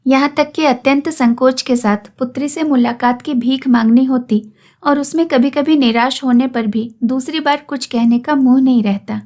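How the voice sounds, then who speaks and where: A woman storyteller reading a classic story aloud in a steady, measured narration. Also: high voice.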